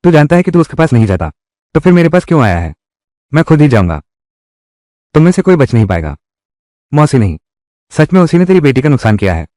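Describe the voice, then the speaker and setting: A man's voice: on the high side, sing-song, quick pace, pauses often, mellow, dry recording. A man dubbing a menacing tough guy in a revenge drama, with a threatening, confrontational delivery in a close studio recording. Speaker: dubbing voice actor. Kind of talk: Hindi dub of a live-action drama.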